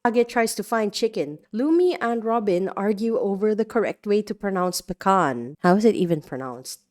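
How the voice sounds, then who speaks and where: A woman hosts a livestream and reads the game's events aloud, breaking in with playful, jokey remarks. Her pitch jumps around a lot as she talks, giving her delivery a lively, animated feel. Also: normal speed. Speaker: host. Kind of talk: livestream reading of game events with commentary.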